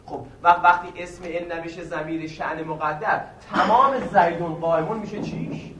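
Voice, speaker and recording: A man with a high voice teaches a grammar lesson to a seminary class. He asks his students questions and answers them himself, going over each point again and again. He sounds set back from the microphone in a roomy, echoing space, with a faint hiss of noise behind him. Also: steady tone. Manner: repeats each point patiently. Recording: echoey room, mic at a distance, faint noise.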